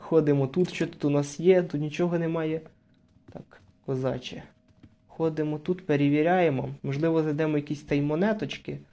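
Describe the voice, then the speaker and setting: A young man talks his way through a horror game, describing each room and door he opens. His voice sits a bit high for a man yet sounds mellow and soft. He chats casually and gets jumpy when something comes near. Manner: chatty, narrates each move, nervous bursts when hiding. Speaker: gaming channel host. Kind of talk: casual Let's Play commentary.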